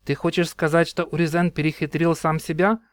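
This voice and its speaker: A man's voice: fairly high pitch, level tone, fairly quick, clear, resonant tone, no room sound, pitched above the performer's own voice, lightly acted. A man voicing a resentful, mocking brother who has been turned into a sea monster. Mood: sly. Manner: mocking, sulky, self-pitying.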